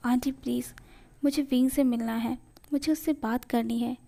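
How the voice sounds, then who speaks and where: A high, mellow voice gives an earnest young husband who pleads and apologizes, as a woman reads him in a fan fiction story. Read soft and plain, with no big change of voice. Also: steady tone, moderate pace, creaky. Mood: urgent. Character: young man, remorseful then desperate husband.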